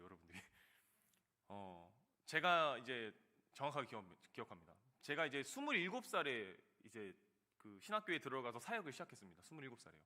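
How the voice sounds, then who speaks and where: A man in his thirties preaching a sermon, telling a personal story with loud emphatic bursts and soft quiet asides. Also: a little high. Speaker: junior pastor. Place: church sanctuary.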